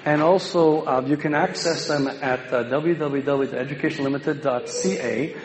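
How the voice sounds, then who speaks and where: A Canadian man telling anecdotes at a home education meeting in a folksy, self-deprecating way, with many pauses and ums. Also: fairly high pitch. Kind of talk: informal public talk with anecdotes. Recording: roomy hall with faint background noise.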